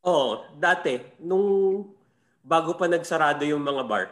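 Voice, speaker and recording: A man's voice: on the high side, lively intonation, takes it slowly, a bit bright. A man who is a comedian, chatting casually as a guest with a dry, joking delivery. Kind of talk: casual chat.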